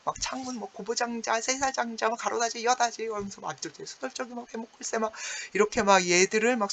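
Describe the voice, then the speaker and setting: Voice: medium pitch, fairly bright tone, a little hiss or hum. A teacher giving an online class on classical poetry, chatty and explanatory, peppering the talk with fillers and acting out lines with sighs and chuckles.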